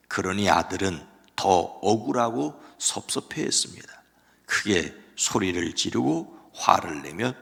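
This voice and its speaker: A man leading a devotional, reading a Bible passage and telling a story in a slow, measured, calm way. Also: on the low side, creaky, slightly rough. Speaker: pastor. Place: church. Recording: long church-hall reverb.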